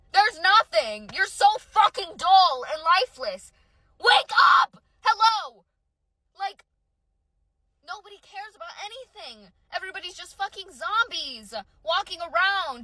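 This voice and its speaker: Young woman ranting and cussing, high sharp voice, super dry sound, keeps begging people to care. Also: dry recording, poor audio. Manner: exasperated, swearing, pleading, bursts into shouts. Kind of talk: impassioned rant to camera.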